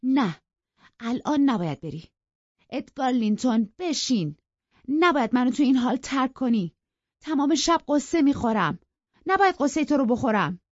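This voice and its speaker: A woman voicing a spoilt young woman in an audiobook, shrill and close to tears, her voice pushed high and loud. The recording is dry and a bit dull, with no room sound. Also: no room sound, close to an everyday voice. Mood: insistent. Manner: shrill, shouting and pleading.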